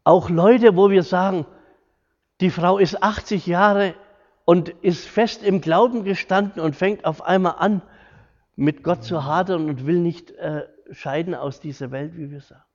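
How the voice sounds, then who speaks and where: A man's voice: sits high, fairly even intonation, unhurried, darkish tone. A middle-aged man, giving an informal talk from his hospital work, earnest and homely, acting out quoted dialogue. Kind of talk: informal lecture with personal stories. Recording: echoey hall, dull lo-fi sound.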